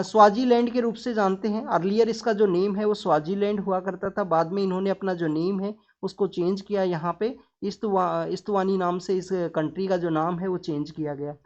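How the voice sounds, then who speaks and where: A woman teacher giving a newspaper analysis lesson, talking straight to her students and explaining step by step with English terms mixed in. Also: medium pitch. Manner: lecturing, often addresses students directly. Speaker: exam-prep teacher. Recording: slightly dull, muffled recording.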